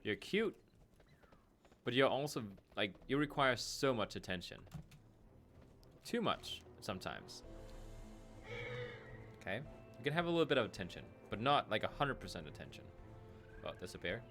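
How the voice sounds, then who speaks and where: A man's voice: medium pitch, big pitch swings, moderate pace, pauses often, fairly bright tone. A man chatting casually on a live stream while he plays a game, joking and laughing at his own jokes and scolding his pet, with faint game music behind.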